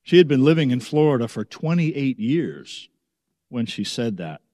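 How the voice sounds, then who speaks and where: Male pastor from the United States, mid-pitched, unhurried and reflective sermon delivery, long church reverb. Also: big pitch swings, dark tone, clean studio sound. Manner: slow, measured, reflective delivery.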